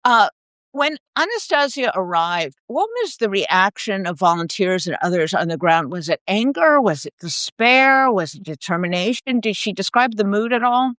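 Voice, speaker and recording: A woman hosting an interview, firm and measured in her questions. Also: mid-range voice, big pitch swings, a bit bright, no echo. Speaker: host.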